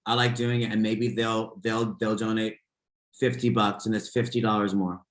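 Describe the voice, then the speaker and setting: Here the podcast guest is a male fitness instructor whose voice sits on the low side, keeping a level tone at a moderate pace. The sound is reverberant, and he chats casually, rambling with lots of fillers and false starts.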